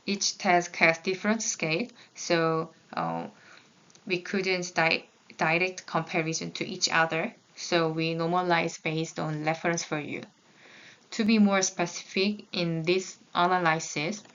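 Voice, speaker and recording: Her voice is fairly low, smooth and fairly bright: a graduate student with Korean as her first language, presenting research results in English. She reads carefully with small halts and restarts, and the recording sounds slightly dull.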